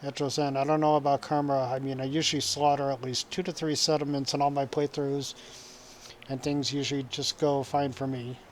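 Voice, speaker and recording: A man's voice: mid-range voice, level tone, brisk, slight background noise. A man from the United States streaming a game, chatting casually, chuckling and reading comments aloud. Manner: rambling, chuckling, reads chat aloud. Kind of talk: casual live-stream chat while gaming.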